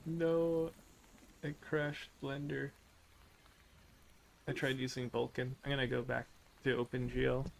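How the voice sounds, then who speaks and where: A man talking in a flat, gravelly voice, hesitant and full of fillers as he mulls over his software. The voice barely rises or falls, and faint noise sits behind it. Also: mid-range voice, slow pace, long pauses, rough recording. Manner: hesitant, filler-heavy, laughs often. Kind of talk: casual chat among people sculpting in Blender.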